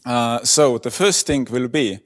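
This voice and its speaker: Guy doing a quick conference talk, lots of uh and um, big hall echo. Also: medium pitch. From Estonia. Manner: plain, halting non-native English with many fillers. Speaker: conference speaker. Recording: long hall reverb.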